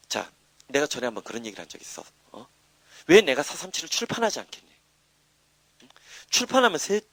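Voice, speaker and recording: A man's voice: medium pitch, no room sound. A man giving a live English grammar lecture, nudging students with constant rhetorical questions and boastful asides. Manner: animated, prods students with rhetorical questions and tags.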